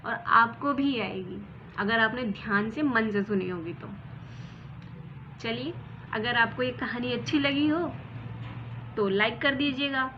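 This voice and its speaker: A woman telling a bedtime folk tale in a chatty way, acting out the characters with loud outbursts. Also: on the high side, highs cut off, slight background noise. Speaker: storyteller. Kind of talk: casual folk tale narration.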